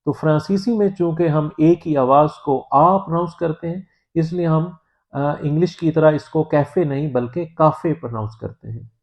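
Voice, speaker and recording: Guy from pakistan teaching a language lesson, patient, lots of uh pauses, kinda muffled lo-fi audio. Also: on the high side. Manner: measured, patient, with frequent hesitant "uh" pauses. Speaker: French teacher. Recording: dull lo-fi recording.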